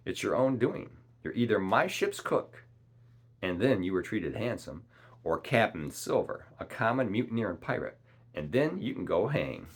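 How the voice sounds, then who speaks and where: A man's voice: on the low side, sing-song, normal speed, slightly rough, heavily acted. Role: a man doing a stern, clipped ship captain. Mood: scornful. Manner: clipped, commanding. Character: stern, curt middle-aged male ship captain.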